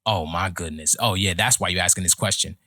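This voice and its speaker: A man in his thirties hosting a casual podcast chat, giving opinionated, lecturing advice in a slow, deliberate way. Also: low voice, sharp tone, no echo, studio quality. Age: 30s. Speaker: podcast host.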